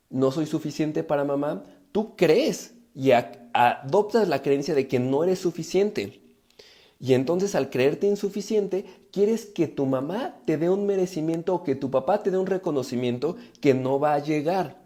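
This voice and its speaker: A man with a Mexican accent and a rather high voice with a dark tone livestreams an informal self-help talk on relationships and psychology. He explains emphatically to viewers, acting out inner dialogue along the way.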